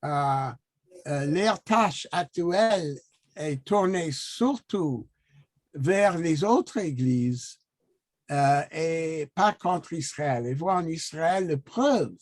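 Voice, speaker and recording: A man who is not a native French speaker, speaking French with a foreign accent in an unscripted discussion, haltingly searching for words. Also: fairly high pitch, lively intonation, no echo. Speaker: guest commenter in a discussion.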